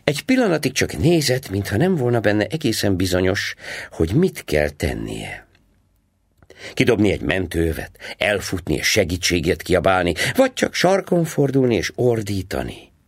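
A low-voiced man tells a story in a dramatic reading style, his voice swinging widely from deep murmurs up to high, excited peaks. His tone is husky and gravelly, and the recording is close and dry. He slips into the character's racing thoughts as he reads. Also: dry recording. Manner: expressive, acts out the character's inner thoughts. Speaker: audiobook narrator.

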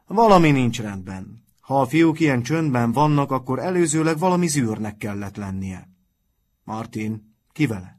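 A man reading a story voices a stern but kindly boarding-school teacher who speaks loudly and firmly, with a husky voice. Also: lowish voice, level tone. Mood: probing. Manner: loud, firm, questioning.

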